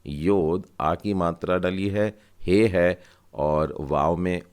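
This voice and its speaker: A man's voice: sits low, slow pace, a little mellow, clear, resonant tone. A man teaching Hebrew vowel signs in a patient, step-by-step way, asking learners to read along.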